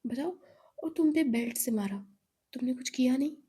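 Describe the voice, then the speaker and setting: A woman voicing a lively, outspoken young woman friend who talks in a chatty, emphatic way. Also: high voice, moderate pace, breathy edge.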